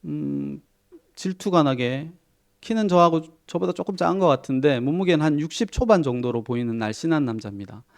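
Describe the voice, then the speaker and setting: A middle-aged man preaching a sermon in a chatty, self-deprecating storytelling way, with soft chuckles and quiet asides. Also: a little high, lively intonation, a little fast, vocal fry. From Korea. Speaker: pastor.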